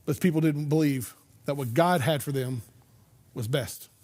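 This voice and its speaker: A man delivers a sermon in an easy, conversational tone. His voice sits high for a man, and he pokes fun at himself as he goes. He often repeats a word or two while he works out his thought. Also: normal speed, a little mellow, big-room sound. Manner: conversational, self-deprecating humor; repeats words while thinking aloud. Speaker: pastor.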